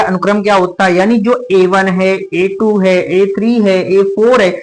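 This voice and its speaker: High-pitched male maths teacher, keeps checking if the class gets it. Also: low-quality recording. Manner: calls students "beta", checks understanding often.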